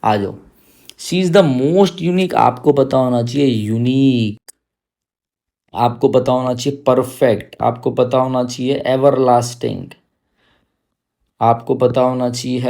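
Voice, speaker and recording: A male teacher giving an exam-prep grammar lesson, coaxing and teasing his students and drawing out English examples slowly. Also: mid-range voice, little pitch movement, creaky, dark tone.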